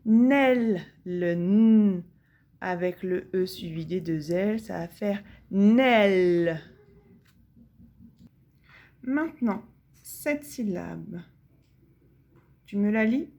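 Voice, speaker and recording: A woman teacher with a French accent giving a phonics lesson to young children, drawing out each sound slowly and deliberately. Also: fairly low pitch, vocal fry, darkish tone, highs cut off. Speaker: primary school teacher.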